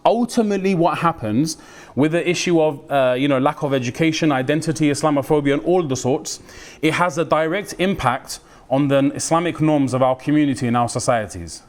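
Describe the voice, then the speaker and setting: British male preacher, lively and slangy, slightly high voice, acts out quoted voices. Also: brisk. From United Kingdom. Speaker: Islamic preacher. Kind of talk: religious talk.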